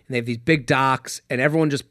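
A man, a comedian guest on a podcast, telling a story in casual chat, animated and swearing freely. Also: medium pitch, fast, dry recording, studio quality.

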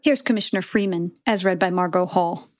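A woman hosting and narrating a documentary podcast in a measured, clear storytelling manner. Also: on the low side. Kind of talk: scripted narration.

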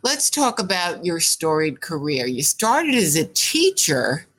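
Woman host, low voice, brief friendly questions. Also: sing-song, a little slow, fairly bright tone, breathy edge. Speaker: host and reporter. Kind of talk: interview questions.

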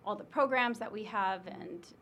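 A chatty woman from Illinois, talking casually as an interview guest. Her pitch sits in the middle range. She keeps filling her sentences with ums and you knows. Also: normal speed, sharp tone, slight background noise. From Illinois, United States. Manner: chatty, many fillers like um and you know. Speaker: international admissions recruiter.

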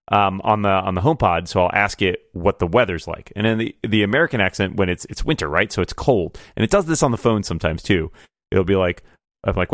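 Male podcast host, low-pitched, animated storyteller, dry close-miked sound. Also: no echo. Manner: animated storyteller, laughs often. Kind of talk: casual chat.

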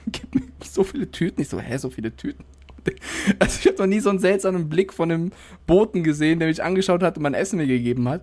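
A man's voice: a little high, a little mellow. Self-mocking man telling anecdotes. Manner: self-mocking anecdote teller, laughs a lot. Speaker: podcast co-host. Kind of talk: casual chat.

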